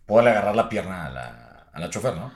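A man's voice: sits low, very animated, fast talker, reverberant. A Mexican man, a business owner, telling stories with crude slang in a casual podcast chat. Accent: Mexican Spanish. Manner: storytelling with crude slang, acts out drunk clients. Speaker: guest, owner of designated-driver service.

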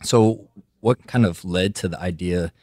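A man's voice: sits low, a little slow, darkish tone, no echo, studio quality. A man from West Texas with a West Texas accent, hosting an interview as a casual, blunt, informal chat. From West Texas, United States. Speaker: interview host.

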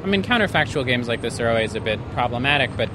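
A man's voice: mid-range voice, animated, quick pace, background noise. A man giving thoughtful, articulate commentary in an interview outside a library.

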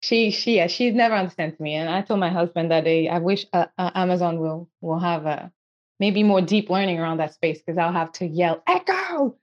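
Interviewer: woman from Senegal, French accent, lowish voice, muffled lo-fi audio. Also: lively intonation, normal speed. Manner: frequent affirming backchannels, chatty. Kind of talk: casual interview chat. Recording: dull lo-fi audio.

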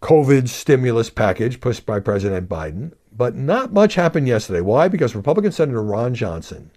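A middle-aged man from Brooklyn delivers televised news commentary with a lively, swooping delivery. His tone is mellow and warm, and he talks in an emphatic, chatty way. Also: medium pitch, fairly quick. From Brooklyn, New York. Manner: animated, emphatic, conversational. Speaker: news media commentator and show host.

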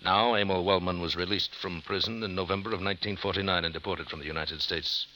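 An actor playing a suave, cold-blooded hired killer in an old radio drama, with formal, mannered diction and a silky, menacing delivery. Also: male voice, low-pitched, steady tone, quick pace, sharp tone, slight background noise, low-quality recording. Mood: coolly menacing. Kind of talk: 1950s radio drama acting.

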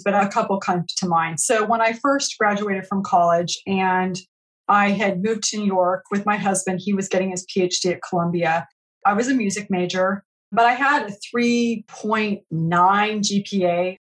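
A middle-aged Californian woman joins a podcast as a guest, talking earnestly and reflectively about her own life in a storytelling interview. Her voice is medium in pitch and her pace is moderate. The recording quality is low.

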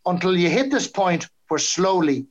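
High-voiced Irish man explaining. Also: expressive, lo-fi sound. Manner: halting, repeats words as he explains. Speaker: guest expert on whales and dolphins. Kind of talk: conversational explaining in a podcast interview.

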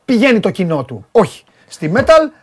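A man's voice: high voice, wildly swooping pitch, slightly rough. A man hosting a radio show in casual chat, emphatic and repeating phrases for stress.

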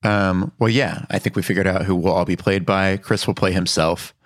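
Deep-voiced male podcast host. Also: normal speed, no room sound, clean studio sound. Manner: relaxed, joking, signs off the show. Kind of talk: casual chat.

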